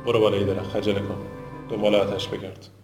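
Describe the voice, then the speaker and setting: A man voicing an arrogant young highborn knight who gives orders in a haughty tone, read with music behind. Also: flat delivery, natural voice. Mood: commanding. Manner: haughty, commanding. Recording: roomy with background music.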